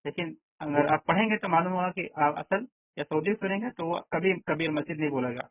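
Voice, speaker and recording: Over dry, tinny online call audio, a male Arabic teacher with a voice on the high side explains a language lesson one step at a time, regularly checking for understanding.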